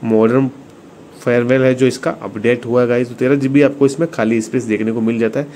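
A man with an Indian accent, a tech reviewer who hosts videos, casually reviews a phone hands-on while often speaking to viewers. His mid-range voice is darkish and fairly even in intonation, delivered fairly quickly, in a clearly noisy room recording.

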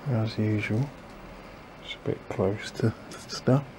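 A lowish, steady male voice, a little slow, belongs to a gardening vlogger. While planting in his small backyard, he talks casually to camera, musing, second-guessing, and trailing off often. The recording has noisy outdoor ambience.

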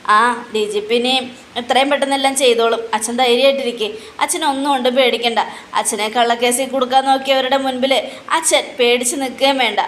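A jittery middle-aged father from a TV drama who soothes and placates the people around him, as a woman voices him. The voice is barely disguised and stays a little high, with a faint hiss behind it. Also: steady tone, fairly quick, a bit bright. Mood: anxious. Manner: anxious, placating. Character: nervous middle-aged father, eager to please.

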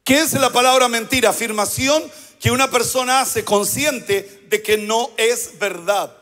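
High-voiced man preaching in a reverberant hall. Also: unhurried, fairly bright tone. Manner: preaching with call-and-response prompts to the congregation. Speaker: pastor. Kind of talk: sermon.

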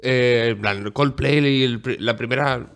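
A man's voice: medium pitch, measured pace, vocal fry, fairly bright tone. A man co-hosting a casual podcast, musing hesitantly with lots of fillers. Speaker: podcast co-host.

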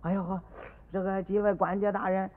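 A man voicing a humble, fretful tofu-maker father who speaks low and placating, heard on an old radio recording with long reverb. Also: flat delivery, a little fast, phone-quality sound, lightly acted.

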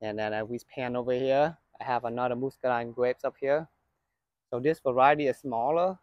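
On a handheld phone, a gardening channel host casually shows off his outdoor vegetable garden while harvesting, pointing things out in a relaxed, chatty way as he walks. He speaks at medium pitch and normal speed, and the recording is dry and muffled.

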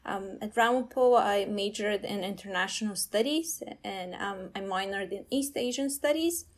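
A woman in her thirties from Bulgaria, a former student, introducing herself in a measured way with fillers. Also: mid-range voice. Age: 30s. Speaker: alumna.

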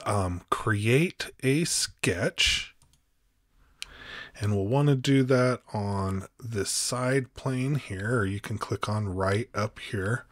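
A man giving a calm step-by-step software tutorial as host, with frequent ums. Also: mid-range voice, dry recording, studio quality. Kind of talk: screen-recorded software tutorial.

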